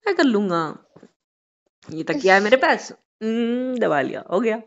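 A man's voice: sits high, animated, unhurried, a bit bright. A young man chatting with his partner on a phone call, teasing and affectionate, slipping in English phrases. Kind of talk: casual couple's phone chat.

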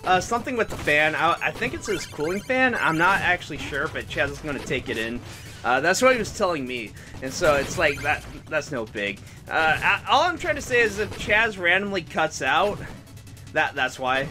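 A man's voice: fairly high pitch, sing-song, moderate pace, over music. A man hosting a let's play, chatting casually over gameplay, rambling and stammering and poking fun at himself. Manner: rambling, stammering, self-deprecating.

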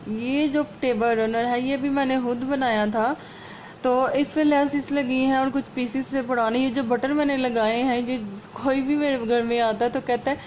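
Working at a table at home, a female sewing host gives a casual, step-by-step tutorial in a homely, chatty way, her somewhat high voice slightly hoarse with a faint rasp from a sore throat. Intonation is fairly even and the pace moderate. The phone camera above her hands records muffled, lo-fi sound with faint room noise.

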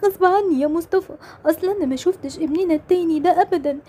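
A woman's voice: very high voice, fast, mellow, a little hiss or hum. A woman with an Egyptian accent voicing a young mother mourning a lost twin in a toy-game role-play drama. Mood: sad, pleading. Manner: plaintive, tearful pleading.

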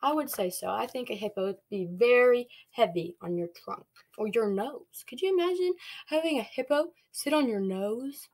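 A young woman with a rather high, animated, darkish voice reads a picture book to small children at a moderate pace. She is a preschool read-along storyteller who pauses to explain things and ask them questions, indoors in a small, dim bedroom.

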